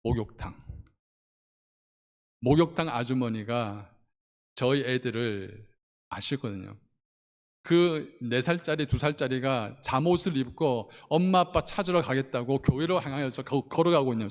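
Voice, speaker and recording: A middle-aged man from Korea preaching a sermon as pastor, swinging from loud passionate appeals to hushed storytelling. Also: on the high side. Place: church sanctuary. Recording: long church hall reverb.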